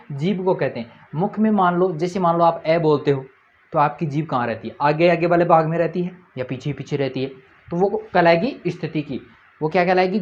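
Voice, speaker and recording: A man's voice: a little high, a little mellow, muffled recording. Male teacher who quizzes and answers himself. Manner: asks and answers his own questions, repeats points. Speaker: Hindi grammar teacher. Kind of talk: classroom lesson at a board.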